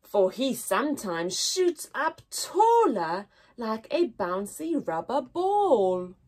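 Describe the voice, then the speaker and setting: Her voice is on the high side and breathy as she reads a story to young children at a slow pace. Like a classroom teacher at story time, she sounds sing-song, expressive and exaggeratedly amazed.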